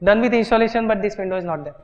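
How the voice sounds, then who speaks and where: A man's voice: high voice, very fast. A man with an Indian English accent teaching a workshop class in a lecture hall, explaining step by step and checking in with "okay" and "right". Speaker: workshop instructor. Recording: dull, echoey lecture hall recording.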